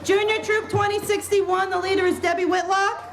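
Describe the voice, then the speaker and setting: A woman troop leader, out of breath, briskly reading out troop names at an outdoor parade in the rain. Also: extremely high pitch, fairly even intonation. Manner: brisk list-reading, shouting at times. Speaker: Girl Scout troop leader. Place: outdoors at a rainy town parade. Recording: noisy outdoor recording with crowd.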